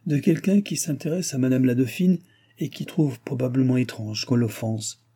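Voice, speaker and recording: A man's voice: mid-range voice, slightly rough. Man reading as a mild young prince. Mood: restrained. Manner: soft, measured. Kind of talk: audiobook reading.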